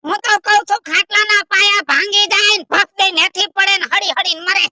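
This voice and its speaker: A man's voice: extremely high pitch, fairly even intonation, quick pace, sharp tone, full character voice. A man playing a grumpy old village man whose wife has left, complaining and cursing in a theatrical way. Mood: grumbling. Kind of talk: rustic comedy sketch acting.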